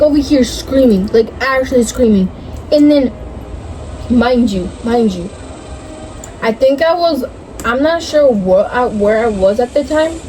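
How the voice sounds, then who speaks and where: A woman's voice: a little high, dark tone, a little hiss or hum, low-quality recording. A young woman casually telling a dream story in a hazy, puzzled way, groping for words and swearing often.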